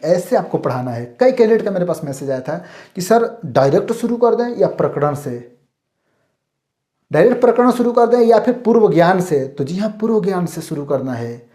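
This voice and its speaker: A male teacher running a mock class, firing off questions and then supplying the answers himself. His tone is mellow and unhurried. The room around him rings with a noticeable echo. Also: sits high. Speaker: Hindi teacher. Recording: roomy echo.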